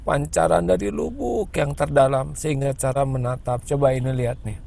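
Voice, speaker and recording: A man preaching a parenting sermon to a webinar audience, gentle and conversational, now and then acting out a mother's pleading voice in a higher pitch. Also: animated, brisk, gravelly.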